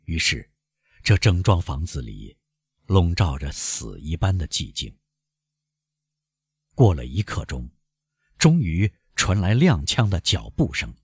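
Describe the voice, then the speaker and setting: Deep, husky male storyteller. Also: no room sound, studio quality. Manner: measured, expressive storytelling. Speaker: audiobook narrator. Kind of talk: slow scripted narration.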